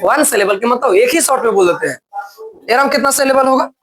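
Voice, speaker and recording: A male teacher gives a classroom grammar lesson. He explains slowly, then asks the class questions and answers them himself. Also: very high-pitched, expressive, a crowd in the background.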